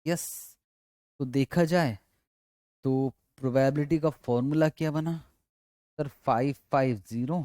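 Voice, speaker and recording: A man's voice: medium pitch, warm tone, no room sound, clean studio sound. A male teacher giving a classroom lecture, explaining step by step and coaxing, often asking students' questions and answering them himself. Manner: repetitive, coaxing.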